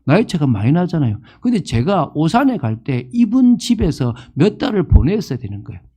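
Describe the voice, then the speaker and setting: Man in his fifties preaching, lively swinging pitch, mellow slightly husky voice, asks the congregation questions. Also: fairly quick. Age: 50s. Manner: animated, asks the congregation questions and acts out quoted people. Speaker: pastor. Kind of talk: sermon.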